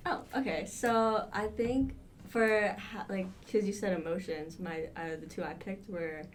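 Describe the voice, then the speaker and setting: A woman's voice: medium pitch, steady tone, a little slow, a little hiss or hum. A young adult woman co-hosting a casual podcast chat, chatty and playful. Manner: chatty, playful, laughs into her words.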